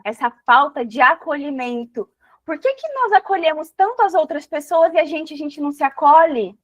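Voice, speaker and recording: Brief: woman mentor on a video call, high voice, dry close sound, coaxing questions. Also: lively intonation, moderate pace, no room sound, highs cut off. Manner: encouraging, asks listeners reflective questions. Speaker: mentor teaching an online class. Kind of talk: live online class talk.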